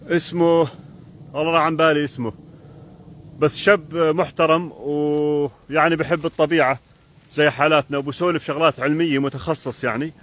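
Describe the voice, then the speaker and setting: A man with a Jordanian Arabic accent talks in a loose, chatty way on a live stream from a forest. His voice sits a little high for a man. He keeps pointing things out to his viewers as he goes, recorded outdoors on a phone held in his hand. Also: fairly even intonation, a little fast, fairly bright tone. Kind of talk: casual live-stream chat while foraging.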